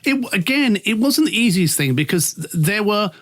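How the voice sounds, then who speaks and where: A sing-song, high-pitched and fairly bright voice at a moderate pace comes from a middle-aged or older British radio presenter appearing as an interview guest. Camp and theatrical, he chats through anecdotes and acts out the dialogue.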